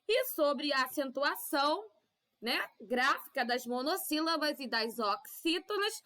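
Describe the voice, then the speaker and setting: A woman with a Brazilian Portuguese accent teaching young children in a recorded class, with drawn-out syllables and constant "tá?" checks. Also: high voice, expressive, pushed and bright. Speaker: primary school teacher.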